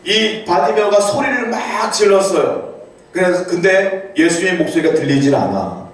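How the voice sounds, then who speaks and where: A man preaching a sermon as pastor, animated, reading scripture aloud and rising to cries for emphasis. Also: high-pitched, moderate pace. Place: church sanctuary. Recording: very echoey church hall, voice from far off.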